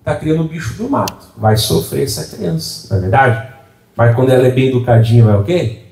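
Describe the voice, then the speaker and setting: A man's voice: mid-range voice, sing-song, a little fast, a little mellow. Pastor, male, chatty sermon delivery, recorded from a distance in a roomy hall. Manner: conversational preaching with frequent "amém?" and "né?" asides to the congregation. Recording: echoey room, voice from a distance.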